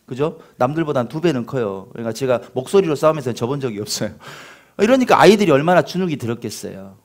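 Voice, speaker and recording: A middle-aged man preaching a sermon as a pastor, with lively questions to the congregation and touches of self-mocking humor. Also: mid-range voice, fast talker. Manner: animated, acts out scolding parents in a shouting voice.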